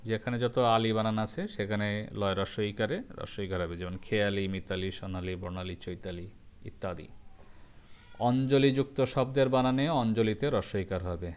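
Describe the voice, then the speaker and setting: A man teaching a grammar lesson, going through rules step by step and repeating each example slowly. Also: on the low side, a little mellow, clean tone. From Bangladesh.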